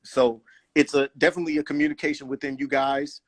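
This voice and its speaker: A man talking casually as a guest roller skater, in an animated way, with loose slang and a habit of restarting phrases. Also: fairly high pitch, quick pace. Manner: animated, loose slang, restarts often, says "you know what I'm saying". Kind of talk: casual conversation.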